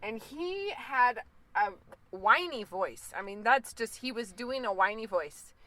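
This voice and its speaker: A woman in her forties co-hosting a podcast in casual chat, telling animated stories and acting out quotes. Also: on the high side, a little slow, poor audio. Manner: animated storyteller, acts out quotes with laughter. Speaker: podcast co-host.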